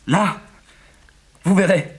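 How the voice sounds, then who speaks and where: An actor playing an examining magistrate in a 1980s radio drama, questioning in a measured, soothing way. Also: male voice, sits high, steady tone, slightly rough, heavily acted. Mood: astonished. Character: composed male examining magistrate, curious and skeptical.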